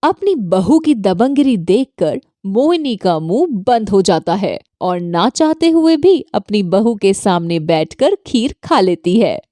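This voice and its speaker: A woman's voice: medium pitch, no room sound, studio quality. A woman narrating a moral story in a scripted storytelling voice. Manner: lively storytelling. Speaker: voice-over narrator.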